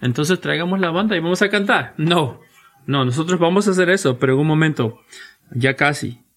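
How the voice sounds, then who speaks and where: A male pastor delivers a sermon in a church. He sounds earnest and emphatic, often restarting his phrases and driving his points home with repeated questions. His voice sits a little higher than most men's. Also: expressive, brisk, fairly bright tone.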